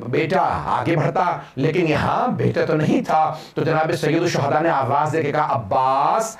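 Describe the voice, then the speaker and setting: A male preacher giving a mourning sermon with a fervent, dramatic storytelling delivery. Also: on the high side. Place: mourning gathering hall. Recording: echoey hall, voice from far off.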